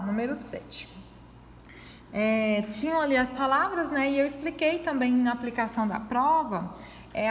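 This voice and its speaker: Going over a graded test with her class, a high-pitched woman teacher explains every answer patiently and in steps, often tagging on questions to check understanding. There's a little hiss or hum, and the room has a long, echoey reverb.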